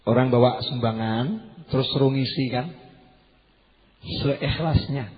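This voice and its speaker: A man with a Javanese accent preaching a sermon in a soft, quiet voice, often asking the audience questions. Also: a little high, a little slow, long reverb tail, highs cut off. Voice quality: softened, quiet voice. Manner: questions the audience, mixes local words.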